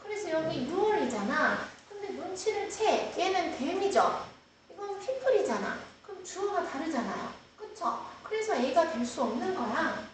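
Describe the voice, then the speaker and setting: A woman's voice: very high-pitched, animated, unhurried, hardly any pauses, background noise. A woman teaching an English lesson in a classroom, explaining step by step and asking the class questions. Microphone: screen-recorded, far from the mic. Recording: roomy classroom, distant mic.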